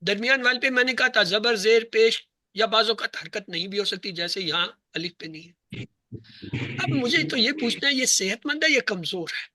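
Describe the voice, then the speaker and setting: A man teaches Arabic grammar in a classroom lesson, walking through each example slowly and letter by letter. He keeps asking the class a question and then answering it himself. His voice is bright and forward, recorded close and dry with almost no room sound. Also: high-pitched, lively intonation, no room sound. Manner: slow, spelled-out listing of letters and words.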